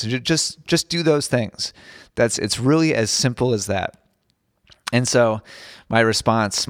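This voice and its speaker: A man with a medium-pitched voice, a tennis coach and podcast host, talks earnestly on his own, restarting phrases and repeating himself. He's slightly strained from recovering after losing his voice. His studio podcast microphone gives echo-free, studio-quality audio.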